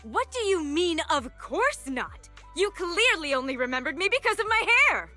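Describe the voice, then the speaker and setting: A woman's voice: extremely high pitch, very animated, normal speed, pushed and bright, faint music behind, heavily acted. A woman playing a snobbish rich young heiress and sorority president in an anime game, condescending and mockingly polite. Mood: indignant, mocking.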